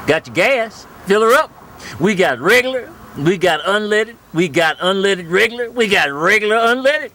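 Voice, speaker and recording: A man's voice: sits high, animated, normal speed, sharp tone, heavily acted. A man playing a chatty old country gas station attendant who rambles and repeats himself. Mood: folksy rambling.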